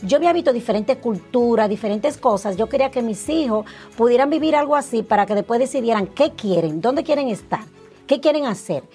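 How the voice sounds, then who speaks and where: Animated Dominican woman telling her story. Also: a little high, fairly quick, faint music behind. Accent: Dominican Spanish. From Dominican Republic. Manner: animated, acts out past conversations, frequent fillers. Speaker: interview guest, insurance agency owner. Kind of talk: casual interview storytelling.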